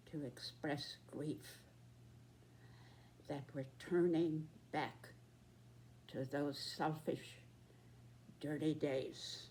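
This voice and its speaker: Very old woman, slow and halting. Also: low voice, darkish tone, slight background noise. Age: 90s. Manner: very old person's slow, halting delivery in short phrases. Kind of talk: reflective spoken address.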